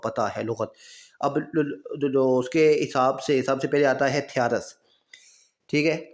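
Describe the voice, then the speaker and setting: Male teacher explaining grammar in an echoey room. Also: mid-range voice. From Pakistan. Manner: explains step by step, often checks with "theek hai". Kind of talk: exam-prep grammar lesson.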